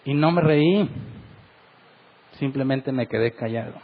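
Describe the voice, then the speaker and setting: A man's voice: mid-range voice, measured pace, breathy edge, phone-quality sound. A middle-aged man, a pastor, preaching earnestly in a Bible study and asking his listeners rhetorical questions.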